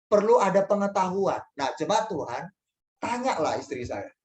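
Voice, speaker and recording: Male pastor, animated sermon delivery, preaching in a church hall with a roomy reverb. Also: high voice, moderate pace. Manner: animated, emphatic storytelling to the congregation. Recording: roomy echo.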